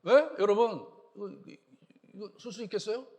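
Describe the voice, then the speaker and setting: A male pastor preaching a Sunday sermon in an animated way, acting out quoted lines in a hushed voice. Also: high-pitched, normal speed.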